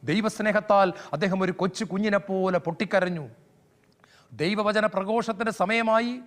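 A high-pitched male preacher delivers a fervent sermon in a steady cadence, stacking phrase after phrase. His voice rings through a hall with a long, trailing reverb. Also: moderate pace.

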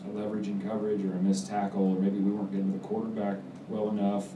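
Low-voiced man in his forties, football coach at a press table, measured halting answers, roomy distant sound, background noise. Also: completely flat delivery, dull audio. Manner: measured, halting, many fillers and restarts. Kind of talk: post-game press conference answers. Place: press room with backdrop, indoors. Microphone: table mic on stand.

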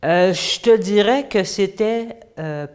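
A woman's voice: mid-range voice, slow, darkish tone, smooth. A woman in her fifties with a Quebec French accent, a teacher answering interview questions in a small room, hesitant with many fillers. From grew up in the United States, then Quebec. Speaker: English teacher. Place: indoors, small room against a plain wall.

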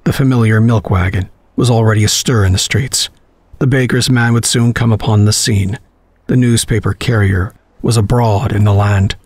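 Low, husky male horror narrator. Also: steady tone, a little mellow, no echo. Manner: dramatic, measured reading. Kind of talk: scripted horror story narration.

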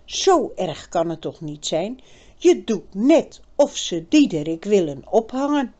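A woman reading aloud voices a bossy, anxious young girl who talks in a shrill, insistent way. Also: very animated, measured pace, warm tone. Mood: dismayed.

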